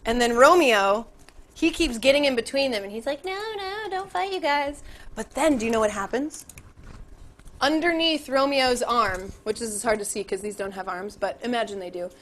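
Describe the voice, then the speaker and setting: A woman's voice: on the high side, normal speed, a bit bright. A young adult woman hosting a live online class in an upbeat, chatty way, laughing often. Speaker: webinar host and educator.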